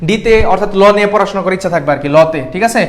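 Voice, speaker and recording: A young man from Bangladesh tutoring students in a live online class, asking them questions and checking in with them often. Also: high-pitched. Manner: quick, keeps checking in with the class. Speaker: admission exam tutor.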